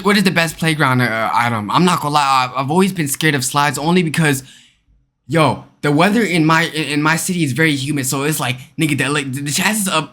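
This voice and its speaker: A young male streamer talking to his chat in a quick, bright, somewhat high voice. He jokes crudely and riffs casually on whatever comes up. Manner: rapid, joking, crude, talks to chat. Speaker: streamer reacting to a video.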